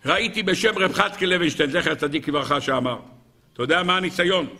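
Speaking in a gravelly voice that sits on the high side, a man gives an energetic Torah talk before listeners, performing the dialogue he quotes and throwing out rhetorical questions.

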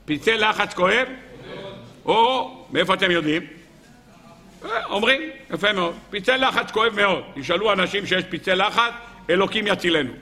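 A man giving a lively sermon to an audience, asking questions and answering them himself, with humor. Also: high voice, long reverb tail. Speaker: rabbi giving a Torah talk. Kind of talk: sermon with storytelling.

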